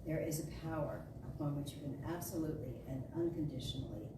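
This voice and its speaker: Speaking in a low voice, a woman reads a spiritual talk with a storyteller's flair, performing a metaphysical sermon dramatically. Emphatic declarations and deliberate phrasing mark her delivery. It was recorded from a distance in a large spiritual center room, so the sound is noisy and echoes.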